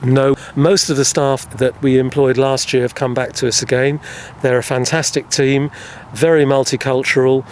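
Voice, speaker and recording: Measured man explaining his farm. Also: medium pitch, little pitch movement, slight background noise. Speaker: organic apple grower. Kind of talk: radio news interview. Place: outdoors at a farm.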